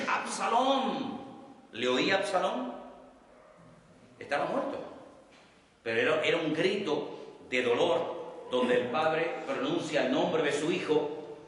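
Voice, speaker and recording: A man from teaching a Bible study class as pastor, speaking slowly and repeating key terms so his students can note them down. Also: a little high, fairly bright tone. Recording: echoey hall, voice from far off the mic.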